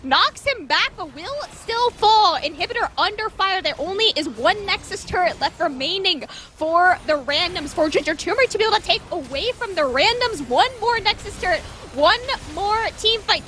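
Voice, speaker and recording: A woman casting a live esports match, with rapid and excited play-by-play calls. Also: very high voice, a little hiss or hum. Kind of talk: fast live game commentary.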